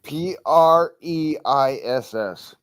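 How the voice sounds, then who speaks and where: A man's voice: on the high side, drawn-out words, clear, resonant tone, no room sound, clean studio sound. A man with an Arkansas accent chatting casually, insistent and repeating himself for emphasis. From United States, Arkansas. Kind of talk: casual chat.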